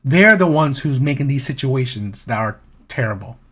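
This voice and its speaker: A man's voice: medium pitch, lively intonation, normal speed, a bit bright. A man hosting a live stream, giving casual commentary on clips in a lecturing way, full of rhetorical questions and repeats.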